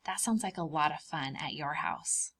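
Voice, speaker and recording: A woman with a deep voice speaking at normal speed hosts a read-aloud lesson for young children. Working as a preschool teacher, she keeps it simple and expressive, highlights key words and regularly questions her small audience.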